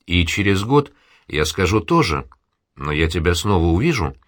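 A man's voice: low-pitched, big pitch swings, moderate pace, a bit bright, dry recording, studio quality. A man reading the part of a young woman who is ending a love affair, in a pained, restrained way. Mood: gentle.

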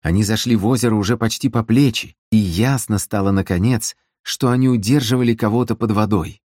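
A man narrates a fantasy audiobook in a low voice, with a measured and dramatic delivery. The recording is dry and close to the mic. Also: darkish tone, dry recording. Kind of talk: scripted narration.

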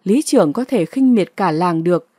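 A woman's voice: on the low side, lively intonation, moderate pace, warm tone, no echo, studio quality. A woman narrator voicing a smug, condescending male district mandarin.

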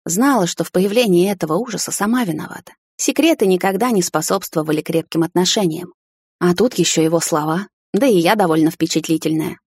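A woman narrating a first-person romance audiobook in an intimate, measured reading. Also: lowish voice, a little mellow, breathy edge, dry recording.

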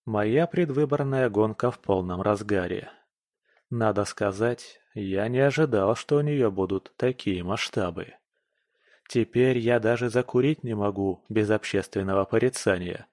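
A man narrating a first-person audiobook in a calm, cold, even manner. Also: on the low side, no echo, clean studio sound.

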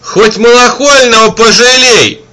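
A man voicing a soft-hearted peasant woman who pleads in a coaxing, sing-song way. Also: very high-pitched, unhurried, a little hiss or hum, pitched above the performer's own voice, heavily acted. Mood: pleading.

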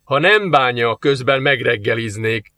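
A man reading aloud, voicing a suave, mocking male demon who talks slowly and teasingly. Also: mid-range voice, lively intonation, bright, forceful tone, dry recording, studio quality. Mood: smug. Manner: smug, slow and teasing.

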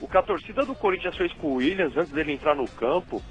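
A man's voice: fairly high pitch, expressive, quick pace, low-quality recording. A man with a Brazilian Portuguese accent calling in to a radio football debate, blunt and disagreeing, with faint music behind. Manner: blunt, keeps saying "mano". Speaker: caller.

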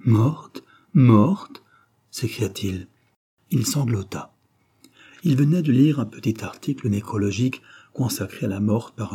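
A man with a French accent reads a classic novel aloud in a measured, expressive way. His voice sits low and mellow, with a slightly husky edge. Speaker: audiobook reader. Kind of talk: scripted narration of a classic novel.

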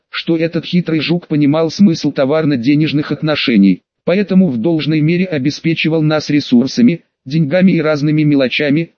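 Man, audiobook narrator, fantasy story, steady even delivery, slightly high voice, dull dry recording. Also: no room sound.

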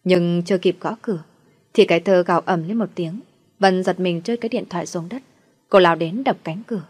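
Low-voiced woman narrator. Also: fairly quick, slightly rough. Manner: steady storytelling delivery. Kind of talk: scripted story narration.

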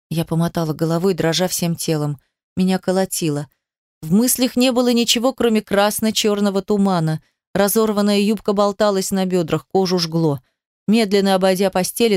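A woman's voice: mid-range voice, a little mellow, dry recording, clean studio sound. Woman narrating a tense story. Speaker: audiobook narrator. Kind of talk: first-person dramatic narration.

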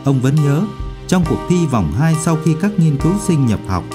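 A man narrating a novel as an audiobook in an expressive storytelling manner. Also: fairly high pitch, normal speed, music in the background.

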